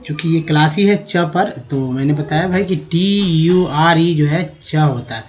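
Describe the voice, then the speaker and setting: A man teaching English pronunciation to viewers, slowly spelling out letters and sounding out words, often calling his viewers friends. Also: fairly high pitch. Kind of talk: explaining a lesson in Hindi.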